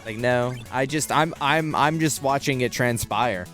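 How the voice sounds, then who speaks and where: Brief: young male gamer, casual rambling chat, middle-pitched, hesitant, swears freely. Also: measured pace, fairly bright tone, faint music behind. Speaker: gaming streamer. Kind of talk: casual chat while playing.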